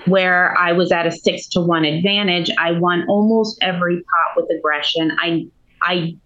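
A woman's voice: on the low side, fairly bright tone, muffled recording. A woman poker player on a podcast, explaining earnestly with hesitant restarts and "um"s. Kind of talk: podcast conversation.

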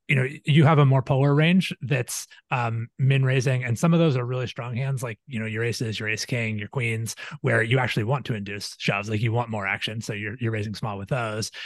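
A man's voice: on the low side, no echo. Guy hosting a podcast, lots of likes and restarts, super dry sound. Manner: analytical, many fillers and restarts. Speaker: podcast host. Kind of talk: casual strategy discussion.

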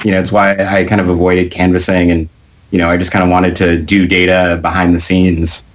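A man in casual conversation, relaxed, with a few fillers. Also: deep voice, a little fast. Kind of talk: casual chat.

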